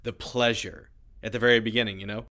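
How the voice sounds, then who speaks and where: A man hosting a casual podcast chat, calm and amused, dropping bits of trivia. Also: lowish voice, quick pace. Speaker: podcast host.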